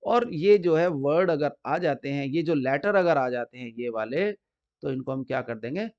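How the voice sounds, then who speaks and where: A man teaching English spelling rules, explaining slowly and repeating examples, stressing the key words. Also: fairly high pitch, expressive, darkish tone. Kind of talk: explanatory lesson. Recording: dull lo-fi recording.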